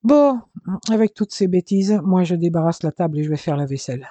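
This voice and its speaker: Brief: shrill, mocking old grandmother in a storybook, dry close sound, read by a man. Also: steady tone, fast, mellow, dry recording, close to an everyday voice. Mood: teasing scold. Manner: mocking, scolding. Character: elderly woman, grandmother, teasing and bossy.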